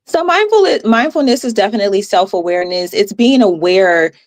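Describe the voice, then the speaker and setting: A woman health coach as a podcast guest, explaining in a calm, measured way with pauses. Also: medium pitch. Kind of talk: podcast interview.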